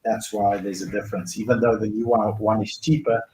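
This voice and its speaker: This man, originally from Bulgaria, hosts a viewer Q&A for a car dealer, and his low-side voice is steady, fairly quick and mellow. He gives casual advice conversationally, explaining answers step by step with fillers. There is slight background noise, a roomy echo and faint ambience.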